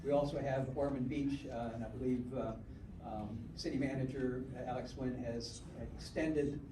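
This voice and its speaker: A man fields audience questions at a homeowners meeting, giving informative answers filled with uh and um. He speaks at a moderate pace with medium pitch and fairly even intonation, captured in an echoey, distant, noisy community meeting hall.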